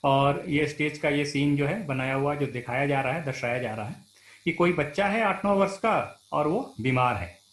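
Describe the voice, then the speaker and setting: A man's voice: a little high, moderate pace, a bit bright. A male teacher explaining a textbook play, reading each line and then paraphrasing it in simple words. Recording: roomy echo.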